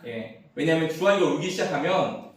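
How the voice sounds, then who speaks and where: A middle-aged male pastor preaches in a church sanctuary, his fairly high voice rising and falling in lively swings. He jokes through a family story, dropping to hushed asides and then pushing out emphatic punchlines. The sound is heavily echoey and picked up from some distance. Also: fairly quick, a little hiss or hum. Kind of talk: sermon. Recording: roomy church echo, mic at a distance.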